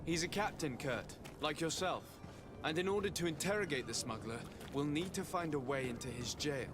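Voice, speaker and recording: An actor playing a courteous, direct envoy asking questions on a mission in a video game. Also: male voice, fairly high pitch, animated, moderate pace, natural voice. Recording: music behind the dialogue.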